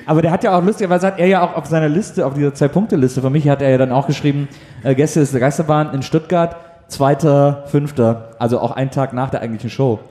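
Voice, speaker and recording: A man's voice: a little high, fast talker, mellow. A man in a casual chat, asking confused questions and laughing along. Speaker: podcast co-host.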